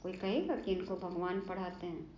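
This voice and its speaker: A woman's voice: lowish voice, moderate pace, darkish tone, a little hiss or hum. A woman giving an earnest devotional sermon who asks questions and answers them herself, often prompting with short "haan" and "hmm?". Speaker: spiritual teacher explaining a daily lesson. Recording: roomy, slightly dull recording.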